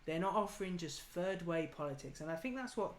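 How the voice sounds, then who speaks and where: A man's voice: high-pitched, expressive, brisk. Opinionated man ranting in an echoey room. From England. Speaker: political talk show host. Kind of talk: casual political debate. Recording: echoey room with faint noise.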